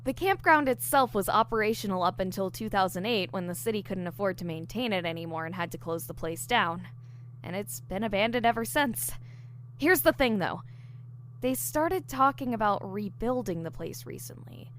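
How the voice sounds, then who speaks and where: In an audio drama, a woman with an animated, mid-range, slightly bright voice plays an eager, diligent new investigator, earnestly and assuredly explaining case theories at a moderate pace. The performance is lightly acted, with slight background noise.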